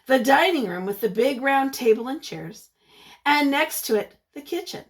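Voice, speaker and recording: Her voice sits high as she reads a picture book aloud, teacher-style. She keeps it expressive and encouraging, and breaks off to question the children.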